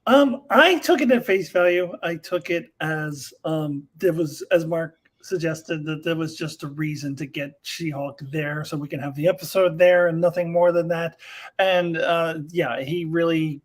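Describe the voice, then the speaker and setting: A man's voice: fairly high pitch, measured pace. A man guesting on a casual review podcast, easygoing and full of ums. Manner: easygoing, repeats "face value", many ums.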